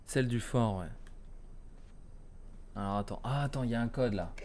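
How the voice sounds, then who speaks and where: Homme streamer, commentaire de jeu décontracté, fond bruité. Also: male voice, mid-range voice, normal speed, a little mellow. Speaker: streamer playing a horror game. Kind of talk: casual live game commentary, chatting with viewers. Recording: clearly noisy, game ambience behind. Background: horror game ambience.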